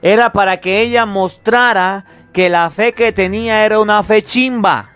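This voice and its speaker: Emphatic priest preaching, soft music behind. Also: male voice, high voice, moderate pace, clean tone. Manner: repetitive, emphatic preaching that addresses listeners directly. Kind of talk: sermon.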